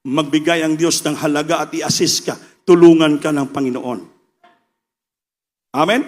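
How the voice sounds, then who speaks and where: A man with a Filipino accent preaching a sermon with passion, swinging between loud preaching and quieter asides. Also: fairly high pitch, fairly even intonation, moderate pace.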